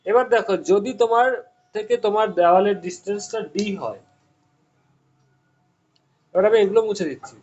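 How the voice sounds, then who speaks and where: A man with a high-pitched voice teaches physics over an online call, working through each idea slowly and asking his students questions along the way. The sound is dull and lo-fi, as from a call line. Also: fairly even intonation, a little mellow. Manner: explains step by step, quizzing students. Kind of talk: online class explanation.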